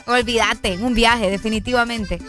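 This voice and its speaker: A woman's voice: on the high side, fairly even intonation, normal speed, bright, forceful tone, soft background music. A woman co-hosting a show in a casual chat, teasing and laughing along. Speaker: radio show co-host.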